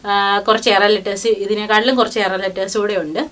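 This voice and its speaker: A woman giving a language lesson. She teaches patiently, reading each syllable out slowly and repeating it. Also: medium pitch, level tone, fairly bright tone.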